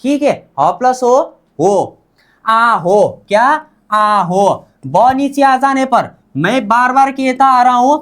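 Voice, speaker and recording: A man's voice: very high voice, slow, fairly bright tone. A man teaching a Korean lesson, drilling words by repetition and asking and answering his own questions. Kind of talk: classroom lesson.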